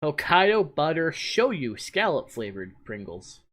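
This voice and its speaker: A New Jersey podcast host chats casually, rambling his way through a list of snack flavors. His voice sits a little high and fairly bright, swinging widely in pitch at a measured pace.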